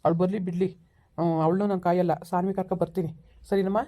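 A man playing a father who calms his upset daughter on the phone in an amateur village family drama. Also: sits high, fast. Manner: soothing, reassuring.

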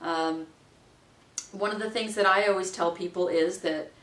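A woman's voice: lowish voice, fairly even intonation, moderate pace. Chatty woman minister, roomy distant sound. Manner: chatty, practical, acts out quotes with a bright lilt. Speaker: wedding minister giving training. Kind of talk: instructional talk to camera. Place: small room at home, indoors. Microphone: camera mic at a distance.

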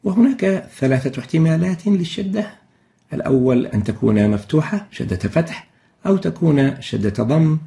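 A man's voice: on the high side, expressive, normal speed, vocal fry, dark tone. A man teaching a lesson, explaining step by step in a patient, methodical way and sounding out examples. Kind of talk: explanatory lesson on Arabic script and recitation.

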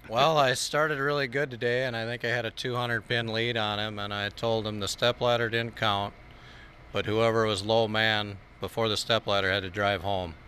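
Laid-back, joking third-place bowler. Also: male voice, lowish voice, little pitch movement, normal speed, pushed and bright, a little hiss or hum. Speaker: third-place bowler, last year's champion. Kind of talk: casual post-match interview.

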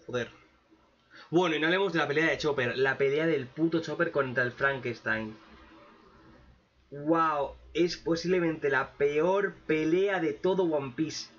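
A man giving a sarcastic, profane anime commentary rant, with mocking asides and sudden loud outbursts. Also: a little high, unhurried. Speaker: anime reaction youtuber. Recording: dull lo-fi mic.

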